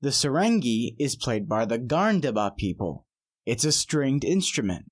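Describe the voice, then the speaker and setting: A polite schoolboy from Nepal in a textbook audio dialogue. His pitch rises and falls in a lively way as he explains things carefully. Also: unhurried. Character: polite schoolboy from Nepal who plays the sarangi.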